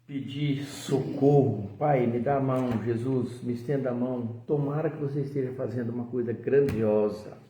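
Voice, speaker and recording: A man's voice: medium pitch, steady tone, moderate pace, hardly any pauses, mellow. A man co-leading a devotional, preaching and praying emphatically and repeating key phrases. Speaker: co-host leading prayer. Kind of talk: preaching and prayer. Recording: echoey, dull lo-fi sound.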